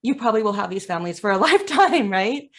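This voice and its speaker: Woman podcast co-host, soft-spoken, pauses and restarts. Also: mid-range voice, sing-song. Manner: hesitant, searching for words, gentle. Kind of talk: conversational interview.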